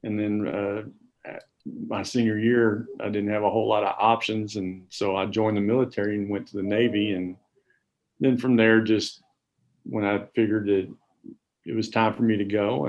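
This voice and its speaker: Low-voiced man telling stories. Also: lo-fi sound. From Garland, Texas. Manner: rambling, anecdotal, self-deprecating, many fillers. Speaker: assistant principal guest. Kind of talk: casual podcast storytelling.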